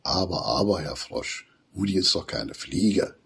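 A man reading aloud and voicing a quick, cheeky male squirrel in a brisk, bossy way. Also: deep voice, animated, vocal fry, a bit bright, slightly rough, heavily acted. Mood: amused. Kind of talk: storybook reading.

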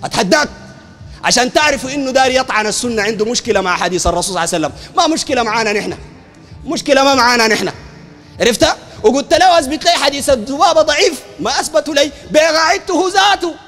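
A man with a Sudanese Arabic accent, a preacher arguing emphatically in a heated public debate, often shouting and repeating phrases. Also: extremely high pitch, big-room sound. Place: university hall.

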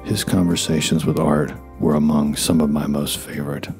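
Male narrator, forties, extremely low register, dry self-deprecating documentary read over faint music. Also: level tone, normal speed, vocal fry, a little mellow. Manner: wry, self-deprecating asides. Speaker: YouTube narrator.

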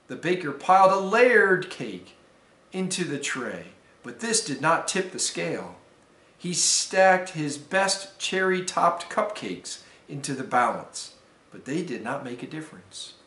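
A deacon reads a fable to students at a slow, careful pace. His voice is a touch high for a man and rings out in a roomy, echoey space. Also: bright, forceful tone. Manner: careful, measured storytelling. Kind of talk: reading a fable aloud to students. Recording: roomy echo.

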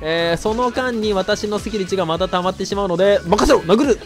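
A man giving chatty, excitable gameplay commentary as a gaming YouTuber, his voice a little nasal and hoarse from a cold. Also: sits high, fairly quick, faint music behind. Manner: chatty, excitable, breaks into shouts while playing.

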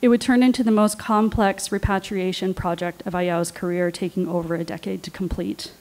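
A woman on a panel, reading her own personal essay aloud in a measured, deliberate way. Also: fairly low pitch, fairly even intonation, darkish tone, low-quality recording. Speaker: writer and panelist.

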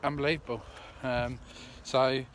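A man of medium pitch and level tone speaks a little slowly, rambling chattily with lots of ums through his woodland cooking and hiking vlog. This outdoors vlogger films around a campsite and path on a phone held at arm's length, and the recording picks up clear background noise.

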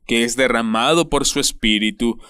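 A man preaching a sermon in a deliberate, emphatic way, dwelling on repeated words. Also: medium pitch, bright, forceful tone, smooth, no room sound, clean studio sound. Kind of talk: sermon voice-over.

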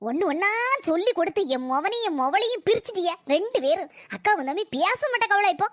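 A sarcastic, grumbling old mother-in-law, played by a woman in a comic family squabble. She speaks in a very high, rapid voice. The sound is close and dry. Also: animated, no echo. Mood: complaining. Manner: nagging, sarcastic complaining. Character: older mother-in-law, bitter and self-pitying. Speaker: mother-in-law in a comedy skit. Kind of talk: scripted comic family quarrel.

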